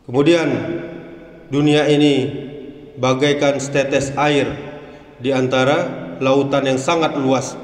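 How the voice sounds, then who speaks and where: A man preaches in a large mosque hall, his voice carried by a long, roomy reverb. He talks in short, measured phrases at a middle pitch, sometimes easing into a sung, chanting lilt. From West Sumatra, Indonesia. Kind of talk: dawn mosque sermon.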